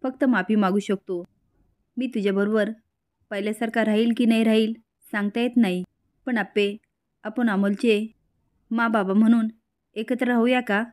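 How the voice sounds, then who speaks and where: A woman's voice: a little high, fairly even intonation, moderate pace, pauses often, darkish tone, close to an everyday voice. A woman reading the lines of a remorseful young husband and father, in an earnest, pleading tone.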